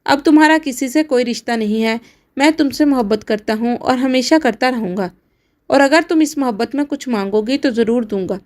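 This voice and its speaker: A woman's voice: on the high side, lightly acted. A woman voicing a stern, possessive young husband in a spoken story. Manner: stern, firm.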